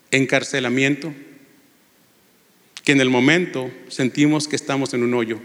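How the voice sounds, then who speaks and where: A man delivers a sermon in a church, his voice mid-pitched and earnest. He reads scripture aloud and presses his listeners with rhetorical questions. A long reverb from the hall hangs after each phrase. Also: a bit bright. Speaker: lay preacher. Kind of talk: sermon with Bible reading.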